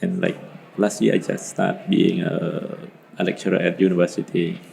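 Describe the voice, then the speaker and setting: A woman from Cambodia, a guest giving brief, soft-spoken answers. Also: very deep voice, completely flat delivery, normal speed, gravelly. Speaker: guest anesthesiologist. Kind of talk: conference interview.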